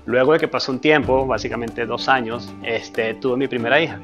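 A man, introducing himself to camera in a steady, earnest way with frequent fillers. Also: mid-range voice, a little fast, muffled recording, over music. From Venezuela. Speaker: personal finance YouTuber. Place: dark studio with a screen backdrop.

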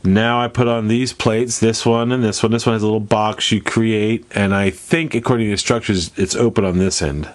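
A man's voice: on the low side, fairly even intonation, a little fast, hardly any pauses. A congested man with a nasal voice, casually walking viewers through a hobby demonstration in a folksy, rambling way. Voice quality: stuffed-up, nasal. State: congested from allergies. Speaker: host of a model-building tutorial. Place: indoors at a hobby workbench.

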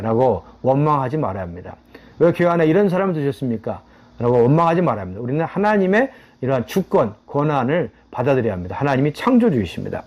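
Male Bible teacher, earnest, slightly high, lively intonation, halting "ah" pauses. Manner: frequent drawn-out "ah" pauses, earnest preaching. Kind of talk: daily Bible study teaching.

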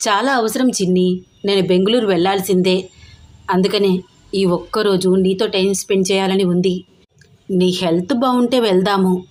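A woman voicing an earnest young businessman who pleads softly and reassures his fiancée in an audio story. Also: medium pitch, close to an everyday voice.

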